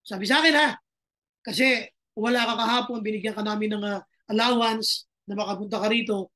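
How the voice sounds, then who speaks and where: High-voiced storytelling pastor. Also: male voice, a little fast, bright, forceful tone. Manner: storytelling, mixing in English lines, acting out quotes. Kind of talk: sermon.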